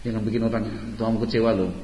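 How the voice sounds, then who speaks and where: A man's voice: on the low side, flat delivery, rapid-fire, mellow, slight background noise. A male religious teacher at a boarding school, questioning his students in a playful, teasing classroom lesson. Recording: roomy hall echo, dull lo-fi sound.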